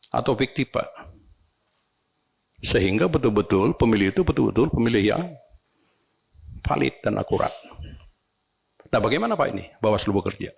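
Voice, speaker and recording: At a parliamentary hearing, a male legislator makes animated, complaining remarks to election officials, often ending his phrases with a respectful "sir." His mid-range voice is creaky with a breathy edge.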